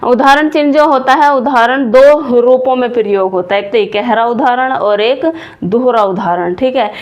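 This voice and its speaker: A woman's voice: a little high, moderate pace. A young adult woman teaching a grammar lesson, explaining step by step, often rephrasing and answering her own questions. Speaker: Hindi teacher. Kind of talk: classroom-style grammar lesson.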